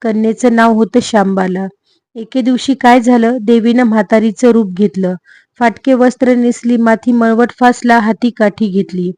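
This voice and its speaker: A woman narrating a devotional folk tale at a steady, measured pace. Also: fairly high pitch, no room sound. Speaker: storyteller.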